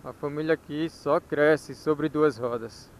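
A man's voice: fairly high pitch, fairly even intonation, measured pace, vocal fry. A man in his thirties with a Northeastern Brazilian accent, chatting casually as a motovlog host. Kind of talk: casual vlog chat.

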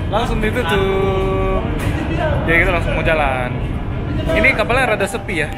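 A man's voice: high voice, poor audio. A man, casually narrating his motorcycle trip from a port and ferry deck into a helmet camera, with lots of "eh" fillers. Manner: chatty, explains tips with filler "eh". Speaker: motovlogger. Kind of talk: casual travel vlog commentary. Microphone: helmet or selfie action camera. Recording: loud engine and wind noise.

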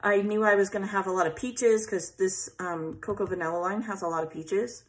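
This scrapbooking host speaks briskly in a steady, medium-pitched voice, and the recording is rough. She keeps the craft tutorial casual, thinking aloud while arranging pieces at her home craft table as an overhead camera captures her hands.

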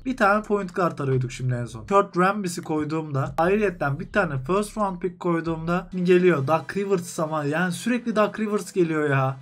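A man's voice: sits high, fairly bright tone. A young man giving rambling, jokey commentary over a basketball game as he plays. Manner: rambling, jokey, talks to himself while choosing players. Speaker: gaming YouTuber. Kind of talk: joking gameplay commentary.

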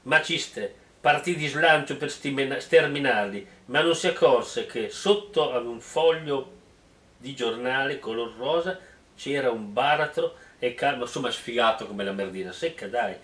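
A man's voice: mid-range voice, a little slow, distant mic. A man doing a mock-dramatic reading of a silly story, stopping for joking asides and mocking remarks. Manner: animated, mocking, breaks into laughter. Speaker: reader and comic commentator. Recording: roomy, off-mic sound.

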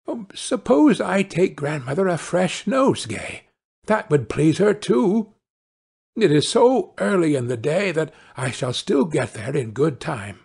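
Man playing a little storybook girl, polite, earnest, trusting, raised pitch, very lively intonation. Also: unhurried, vocal fry, breathy edge, exaggerated voice. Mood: eager.

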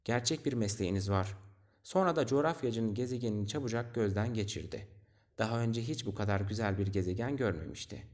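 A man narrating a children's storybook audiobook in a calm, steady reading voice. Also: lowish voice, fast.

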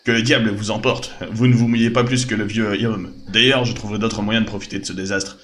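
A man's voice: lowish voice, flat delivery, fairly quick, a bit bright, a little hiss or hum, close to an everyday voice. A man voicing a greedy, dismissive treasure hunter in a fantasy video game. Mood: scornful. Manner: impatient, dismissive.

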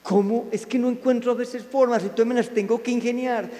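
A man, a Franciscan friar giving a sermon to a live audience, warm and playful, with sudden soft, intimate asides. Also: very high voice, steady tone, fairly quick. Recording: reverberant hall sound.

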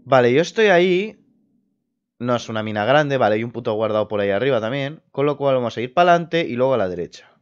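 A young man giving casual let's play commentary, excitable and quick to swear. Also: mid-range voice, clean tone, muffled recording. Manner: excitable, swears, laughs at scares. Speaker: gamer.

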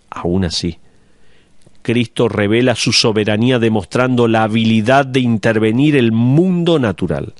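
A man voicing a dubbed sermon over the picture, preaching in a measured, emphatic way. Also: mid-range voice, no echo, clean studio sound.

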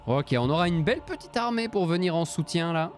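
A man's voice: a little high, lively intonation, brisk, soft background music. A man from Belgium, casually commenting on a strategy game while thinking aloud and thanking viewers. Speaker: streamer.

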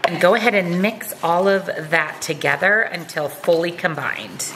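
A woman's voice: on the low side, expressive, a little slow, fairly bright tone, a little hiss or hum. A woman hosting a cooking channel, talking viewers through a meal prep step by step in a friendly voice-over.

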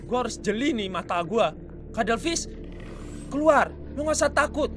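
A man doing excitable, trash-talking let's play commentary, mixing in English swears. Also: extremely high pitch, moderate pace, background noise. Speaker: gaming YouTuber.

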